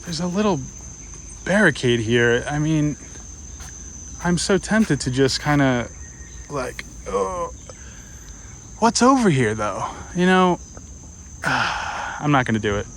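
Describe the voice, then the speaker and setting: A man's voice: fairly high pitch, animated, slow, long pauses, fairly bright tone, a little hiss or hum, poor audio. Rambling young man vlogging in a park. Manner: rambling, musing, many fillers and restarts. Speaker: travel vlogger. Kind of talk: casual walking vlog. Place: outdoor city park.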